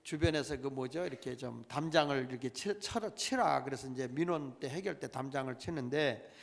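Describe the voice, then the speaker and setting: A man's voice: medium pitch, brisk, vocal fry. A middle-aged male pastor preaching a sermon, calling out to his congregation and pressing each point with dramatic emphasis. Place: church sanctuary. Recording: long church reverb.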